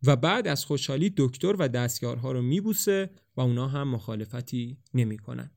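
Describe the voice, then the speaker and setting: Male storybook narrator with an even, measured delivery. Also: mid-range voice, creaky. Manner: steady, measured reading. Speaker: audiobook narrator.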